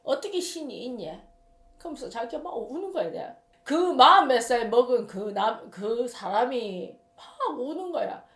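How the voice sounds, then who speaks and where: A woman's voice: a little high, lively intonation, moderate pace, fairly bright tone. A woman shaman with a Gyeongsang Korean accent telling a story in casual monologue, emphatic and rambling, often repeating her words. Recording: roomy echo.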